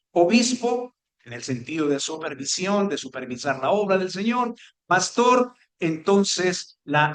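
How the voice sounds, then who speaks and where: A man teaching a sermon as pastor, emphatic, stressing key words one by one with pauses. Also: high voice, fairly bright tone. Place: church hall. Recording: echoey church hall.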